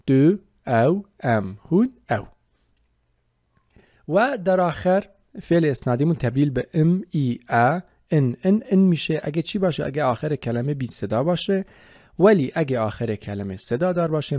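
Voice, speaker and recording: Mellow-voiced male language teacher, dry sound. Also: mid-range voice, dry recording. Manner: methodical, repeats and spells out word forms. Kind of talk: explanatory grammar lesson.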